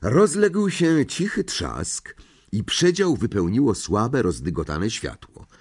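A man narrating an audiobook in a slow, suspenseful, dramatic way. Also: on the low side, sing-song, darkish tone, slightly rough.

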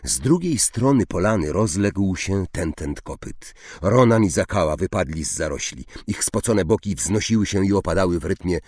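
Man narrating an audiobook, low voice, slow and lively, dry close sound. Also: breathy edge, no room sound. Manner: slow, expressive storytelling.

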